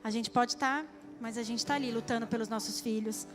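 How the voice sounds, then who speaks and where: A woman with a high voice tells her story as a church testimony, turning often to the congregation. Her delivery is heartfelt and direct. A faint guitar plays behind her. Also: fairly even intonation, fairly quick. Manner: emotional, addresses the audience directly. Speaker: church speaker giving testimony. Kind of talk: testimony sermon.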